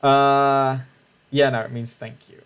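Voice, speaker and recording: A man's voice: medium pitch, level tone, slow, fairly bright tone, smooth. A man livestreaming a video game, chatting casually and reacting to his chat, with frequent restarts. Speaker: streamer.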